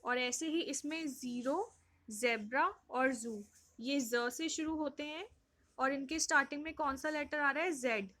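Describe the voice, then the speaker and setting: Slow patient high-voiced woman teacher. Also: a bit bright. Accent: Indian English. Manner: slow, patient, repeats questions and answers for young children. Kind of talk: online class lesson.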